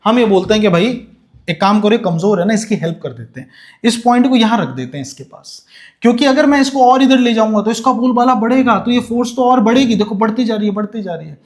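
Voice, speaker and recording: A man's voice: sits high, expressive. A young man teaching physics in a lecture, calling students "beta" and asking questions he then answers himself. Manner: slows down to dictate notes in English. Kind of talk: classroom lecture with animation.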